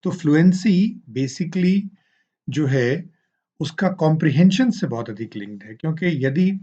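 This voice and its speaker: A man giving a recorded teaching lecture, explaining slowly and deliberately with hesitant fillers. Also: medium pitch, a little mellow, muffled recording. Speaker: teacher educator.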